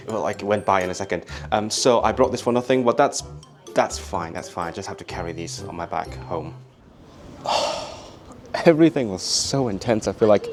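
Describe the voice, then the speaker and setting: A man with a slightly Welsh-tinged English accent, chatting casually to camera as a vlogger, excited and hesitant as they think aloud. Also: fairly low pitch.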